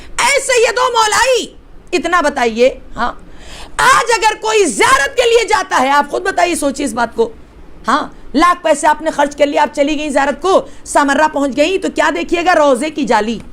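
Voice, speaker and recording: A woman's voice: high voice, lively intonation, gravelly, a bit bright. A woman religious teacher from Hyderabad, India, telling a sacred story to women with drama and rhetorical questions to her listeners.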